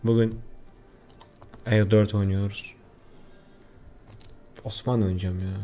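A young man talks through a strategy game in casual commentary, scolding and cursing the units on screen. His voice sits low and mellow. Soft music plays faintly behind him. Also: little pitch movement, slow. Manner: swearing, talking to the game units. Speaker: gameplay streamer.

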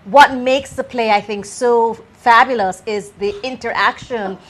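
A woman's voice: on the high side, steady tone, a little slow. A woman director explaining her play in a talk show interview, articulate with some fillers.

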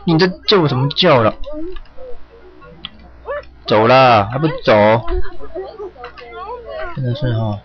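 Chatty gaming streamer, animated. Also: male voice, mid-range voice, slow, pauses often. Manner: chatty, cursing, urging characters on. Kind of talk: live gameplay commentary. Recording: dull lo-fi with loud game music. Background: game music.

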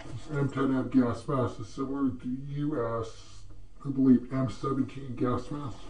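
A man talking through a gas mask, explaining gear in a relaxed, casual product demo. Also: medium pitch, normal speed. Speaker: shop owner showing gear. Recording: roomy, mic at a distance.

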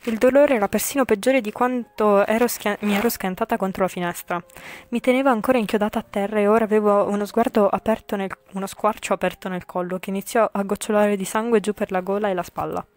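A woman's voice: mid-range voice, steady tone, quick pace, a little mellow, no echo. A woman reading a visual novel aloud for viewers, with frequent slips, self-corrections and chatty asides. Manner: chatty asides with English swearing. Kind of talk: reading a game aloud with casual commentary.

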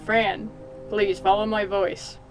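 A woman's voice: mid-range voice, little pitch movement, slow pace, over music, natural voice, poor audio. A woman putting on a patronizing British male doctor. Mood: calm. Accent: British, put on. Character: stern male asylum doctor, condescending.

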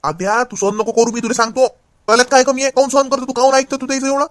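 A man's voice: very high voice, level tone, racing, a bit bright, no room sound, studio quality. A man playing a preachy young nephew. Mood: indignant. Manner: lecturing, insistent. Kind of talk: comedy skit acting.

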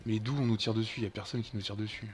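A man's voice: fairly low pitch, little pitch movement, rapid-fire, slight background noise. A man streaming a co-op game, chatting casually and swearing when things go wrong. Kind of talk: casual gaming chat.

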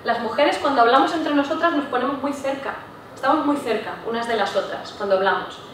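A woman's voice: sits high, a little fast, slight background noise. Echoey, distant woman lecturing. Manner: checks in with listeners with frequent "¿sí?". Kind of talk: public talk to a live audience. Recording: echoey room, voice from far off.

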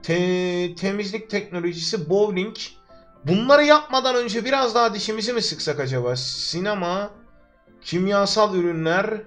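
A young man from Turkey talks through a game live from his room, his voice sitting high as he chats with viewers and jokes to himself. Quiet music runs faintly underneath him. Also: moderate pace. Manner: chatty, joking, talks to chat and to himself. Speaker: livestreamer. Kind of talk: live gameplay commentary. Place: home room. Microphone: desk microphone.

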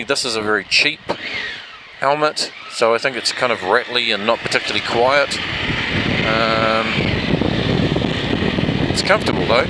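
A motovlogger with a mid-range voice reviews action cameras as he rides outdoors, chatting casually inside his helmet in a rambling, self-deprecating manner. The recording, made with a foam-fluffed helmet mic, is noisy with wind and vehicle sounds.

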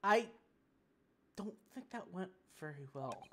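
A woman voicing a polite, hesitant young male lawyer from a game, in a measured manner. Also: lowish voice, lively intonation, noisy background. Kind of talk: amateur voiced read-through of a game.

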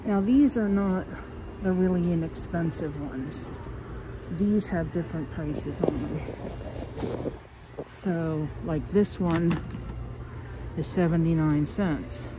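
A woman hosts a casual store tour vlog, filming on a handheld phone as she walks through a large store, her voice muffled by a face mask. She speaks low and slow with frequent pauses, chatty and apologetic, over noisy store ambience.

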